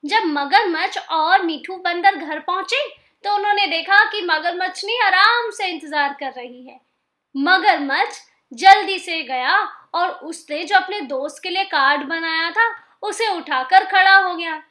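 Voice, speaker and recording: A woman narrating a scripted children's fable in a gentle, clear storybook manner. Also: very high voice, a little slow.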